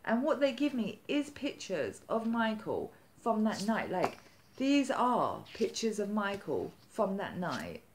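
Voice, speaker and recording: A woman vlogger telling a story in casual chat, animated and chatty, acting out the quotes with lively jumps in her voice. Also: mid-range voice, slow, a little hiss or hum. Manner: chatty with many "like" fillers.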